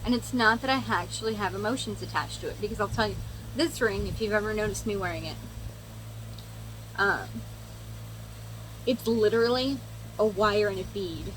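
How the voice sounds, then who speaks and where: A woman's voice: medium pitch, normal speed, long pauses, fairly bright tone, a little hiss or hum, poor audio. A young woman chatting casually to viewers and telling a story as she does her makeup, candid and sweary with sarcastic asides. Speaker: makeup vlogger.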